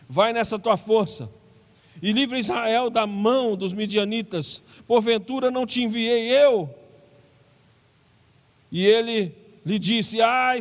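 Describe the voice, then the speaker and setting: A man with a Brazilian Portuguese accent, a pastor preaching with passion and reading scripture slowly and with weight. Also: high voice, long reverb tail. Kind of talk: sermon. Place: church hall.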